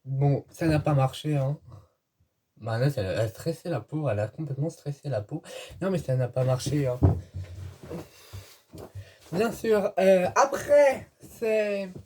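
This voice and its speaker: A man's voice: on the high side, animated, a little slow, pauses often, mellow, slight background noise. A man giving a casual, rambling video review to his viewers, chatty and hesitant, filmed indoors at home. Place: indoors at home, dim light.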